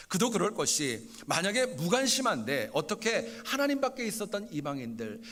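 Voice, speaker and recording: A man preaching from the pulpit in a church sanctuary, his fairly high voice swinging lively up and down as he presses his points. He speaks straight to the congregation and repeats key phrases for weight. A long hall reverb trails every phrase. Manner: earnest, repeatedly addresses the congregation directly; emphatic repetition of key phrases. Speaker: pastor. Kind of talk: sermon.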